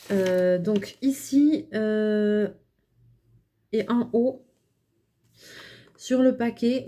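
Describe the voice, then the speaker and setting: A young woman from France talks through a felt-pen review at an unhurried, drawn-out pace. Her voice is soft and mellow, and she fills pauses with frequent hesitations in a relaxed, chatty way. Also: medium pitch. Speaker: craft vlogger reviewing pens. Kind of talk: casual product review.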